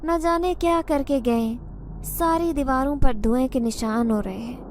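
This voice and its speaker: A woman voicing a bossy, fussy middle-aged mother who talks in a brisk, scolding way in a storybook narration. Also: high-pitched, a little hiss or hum, natural voice.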